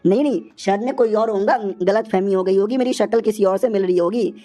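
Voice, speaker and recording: A woman's voice: mid-range voice, a little fast, mellow, close to an everyday voice. A woman voicing a cocky young male hero who talks in an offhand, slangy, teasing way.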